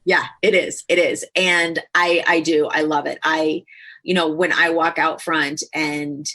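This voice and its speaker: Podcast host, middle-aged woman, lowish voice, chatty and easygoing, laughs often. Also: level tone, unhurried, a bit bright. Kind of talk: casual conversational podcast.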